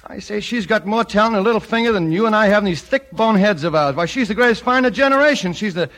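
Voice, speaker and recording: An actor playing a blustering, gruff middle-aged male show producer in a 1940s radio comedy-drama. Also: sits high, expressive, fast. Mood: gushing. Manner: loud and gruff, prone to bellowing.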